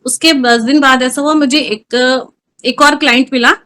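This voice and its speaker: High-voiced woman telling a personal story. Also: steady tone, moderate pace, sharp tone, slight background noise. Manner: emotional, earnest storytelling with Hindi-English mixing. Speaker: guest. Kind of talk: personal testimony interview.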